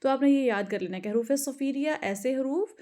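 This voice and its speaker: Woman, recitation teacher; raised pitch, soft mellow tone, patient. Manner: patient, drawn-out letter pronunciations with frequent check-ins. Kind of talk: online tajweed lesson.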